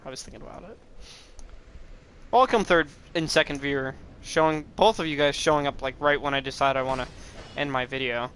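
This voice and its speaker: A young man rambling through live gameplay commentary as a streamer, excitable and swearing at the game. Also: medium pitch, brisk, slight background noise. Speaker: gaming streamer.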